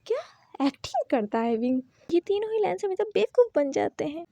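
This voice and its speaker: A man's voice: extremely high pitch, big pitch swings, normal speed, creaky, warm tone, no room sound, exaggerated voice. A woman voicing a mischievous young man who teases and plots. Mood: conspiratorial. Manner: teasing, conspiratorial.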